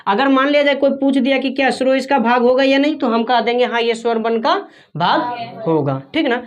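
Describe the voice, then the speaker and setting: High-voiced woman teaching a class. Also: a little fast, muffled recording. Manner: asks the class questions and repeats the answers. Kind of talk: classroom grammar lesson.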